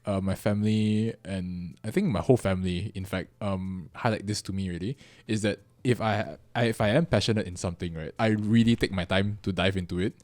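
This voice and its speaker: A young man, co-hosting a casual podcast. He talks in an easygoing, halting way with lots of ums and restarts. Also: on the low side, darkish tone, no room sound. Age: young adult. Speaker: podcast co-host. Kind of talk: casual chat.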